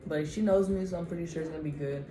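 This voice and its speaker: A woman's voice: fairly low pitch, racing, roomy sound, noisy background. A woman of about twenty co-hosting a casual Q&A vlog, speaking frankly and chattily and teasing herself. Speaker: vlog co-host.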